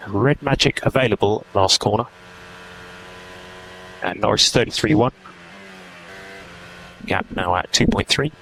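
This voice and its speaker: Heard through a noisy team radio transmission, this male race engineer has a fairly low, sharp voice. His instructions come out terse and by the book.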